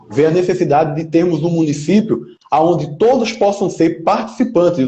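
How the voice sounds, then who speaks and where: Casting: man in his twenties, emphatic political interviewee, slightly high, warm tone. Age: 20s. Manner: emphatic, speechmaking, leans on "né?" tags. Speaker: local political pre-candidate interviewee. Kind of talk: earnest interview answers. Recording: roomy, slightly dull lo-fi sound.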